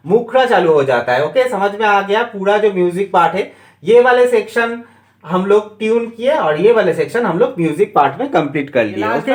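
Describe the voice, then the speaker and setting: A man's voice: high-pitched, roomy sound. A man teaching a harmonica lesson, reading out note names one by one and often checking that the learner follows. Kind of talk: step-by-step music lesson.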